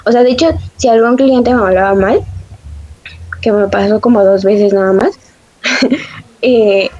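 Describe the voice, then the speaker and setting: Unhurried and slightly mellow at medium pitch, a young woman tells stories in a casual chat, laughing frequently. She calls herself sensitive, and the recording sounds dull and lo-fi.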